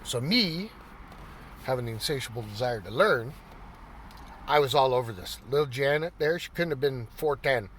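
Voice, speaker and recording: A man's voice: medium pitch, animated, moderate pace, a bit bright, a little hiss or hum. A middle-aged man telling stories in a casual chat, laughing often and swearing casually. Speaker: vlogger. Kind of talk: casual storytelling.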